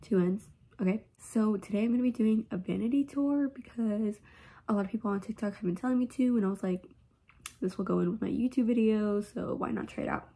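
A teenage makeup vlogger with a stuffy, runny nose gives a casual vanity tour in her bedroom at home, rambling and using lots of fillers. Her medium-pitched voice is brisk, dark in tone, and slightly rough, recorded on a phone camera.

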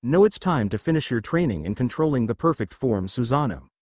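A man's voice: medium pitch, very animated, fairly quick, a little mellow, no room sound. A man voicing a stern ancient male warrior mentor in a commanding tone.

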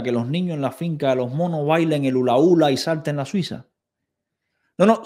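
A man commenting on played clips, sarcastic and indignant, mockingly repeating quoted phrases. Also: sits high. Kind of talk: video commentary.

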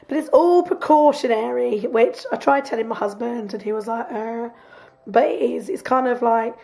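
A chatty woman talks to camera from her sofa at home, her fairly high voice hoarse and croaky from a lingering cough. She rambles easily between topics and breaks into laughter. Faint music plays under her voice. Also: dark tone. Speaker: vlogger. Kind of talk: chatty video diary. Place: home, sofa in front room.

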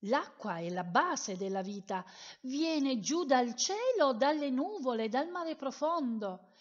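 A woman's voice: high-pitched, very animated, slow pace, voice pushed up, heavily acted. A woman voicing a proud male color who boasts of sky and sea in a children's story, recorded with a dull lo-fi sound. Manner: proud, interrupting. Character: boastful male blue color, lofty and calm.

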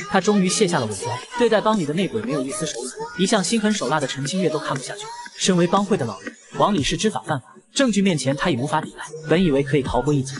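Rapid male comic recap narrator. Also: fairly high pitch.

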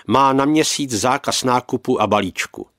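A man's voice: mid-range voice, fairly bright tone, no room sound, studio quality, pitched above the performer's own voice, lightly acted. A man reading the lines of an old male cellmate in an audiobook, fatherly and holding himself back. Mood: restrained. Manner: restrained, fatherly.

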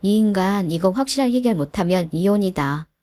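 A woman's voice: medium pitch, animated, fairly quick, warm tone, dry recording. A woman telling a family drama story in a plain, exasperated tone. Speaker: narrator.

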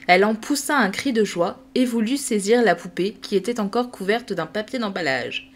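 A woman reading a classic children's novel aloud as an audiobook, with measured, clear storytelling. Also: medium pitch, animated. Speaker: audiobook reader. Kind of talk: scripted narration.

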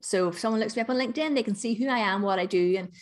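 Northern Irish woman, middle-aged, chatty webinar coach, medium pitch, upbeat. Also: rapid-fire. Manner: chatty, upbeat, lively emphasis. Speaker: business coach. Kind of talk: webinar presentation.

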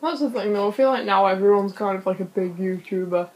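A young woman chatting with a friend over food in a relaxed, unhurried way. Her voice sits at a mid pitch, and she laughs easily as she talks. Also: poor audio. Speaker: co-host friend. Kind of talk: casual chat.

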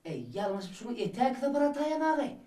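A woman's voice: high voice, sing-song, quick pace, mellow. An actress playing a fussy woman who scolds and frets over her son in a film. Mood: chatting. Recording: echoey room, distant mic.

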